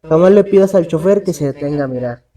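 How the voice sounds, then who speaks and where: A man, co-hosting and telling a horror story in a dramatic, measured way. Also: a little high. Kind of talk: storytelling narration in casual talk.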